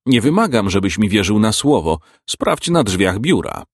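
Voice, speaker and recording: A man reading a world-weary male private detective in an audiobook, dry and deadpan. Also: on the low side, moderate pace, breathy edge, dry recording, heavily acted. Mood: sardonic.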